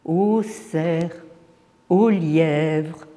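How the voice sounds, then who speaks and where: A man with a high but dark-toned voice performs poetry dramatically, moving very slowly and separating each phrase with deliberate pauses. A long, hall-like reverb hangs over the sound.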